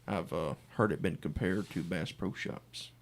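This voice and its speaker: Male radio host, mid-pitched with a creaky edge, folksy and casual, running an on-air contest promo. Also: unhurried, slight background noise. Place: radio studio.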